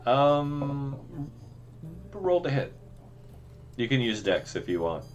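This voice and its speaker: A man running a tabletop game as game master, narrating scenes in a slow, dramatic way. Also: medium pitch, big pitch swings, muffled recording.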